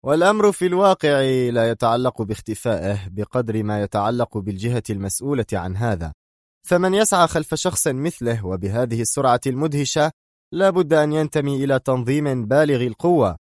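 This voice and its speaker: A man voicing a cold, firm male intelligence agent in an audiobook, speaking curtly and deliberately. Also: mid-range voice, expressive, dry recording, clean studio sound, lightly acted.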